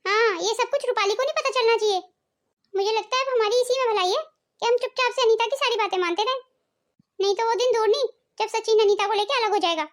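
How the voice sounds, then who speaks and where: A woman's voice: very high-pitched, quick pace. A woman voicing a scheming, bossy middle-aged mother-in-law in a cartoon family drama, scolding and dramatic.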